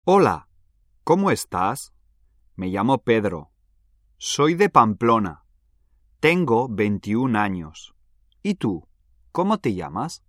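An actor playing Pedro, a cheerful, friendly young man of twenty-one, in a scripted exam dialogue, speaking clearly and carefully. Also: fairly low pitch, big pitch swings, fairly bright tone, no echo, full character voice. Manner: clear, careful delivery, numbers read slowly. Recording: dry studio recording.

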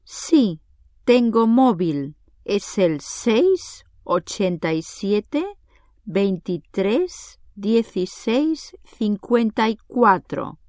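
An actress playing Carmen, a sociable young woman of nineteen, in a scripted exam dialogue, speaking clearly and carefully. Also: mid-range voice, lively intonation, darkish tone, no echo. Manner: clear, careful delivery, numbers read slowly. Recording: dry studio recording.

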